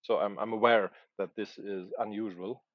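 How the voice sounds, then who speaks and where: A man in his 40s, whose first language is German, searches hesitantly for words as he thinks aloud while writing on a livestream. He speaks at a moderate pace in a lowish voice with fairly even intonation, captured on a muffled recording without echo.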